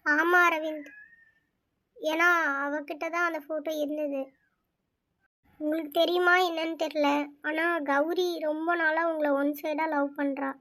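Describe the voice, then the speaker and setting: A worried young woman in a cartoon story, voiced by a woman, sharing a secret and begging that it be kept. She talks earnestly in a very high voice. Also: little pitch movement, unhurried, long pauses, a bit bright. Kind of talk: cartoon voice acting.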